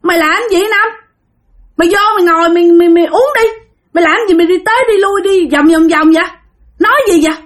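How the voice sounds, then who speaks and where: A woman voicing rowdy middle-aged village men who loudly scold a drinking buddy. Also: extremely high pitch, quick pace, pitched above the performer's own voice. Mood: rowdy, demanding. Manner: loud, pushy, scolding.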